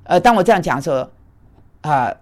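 Woman preacher, blunt, scolding, lower-pitched voice, animated delivery. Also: a little fast. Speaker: preacher and mentor. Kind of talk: sermon. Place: speaking in Manhattan.

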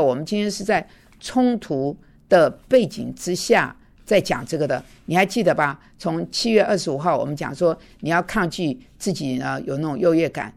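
A woman's voice: sits low, gravelly. A woman teaching an online Bible class, earnest and conversational, slipping in English words now and then.

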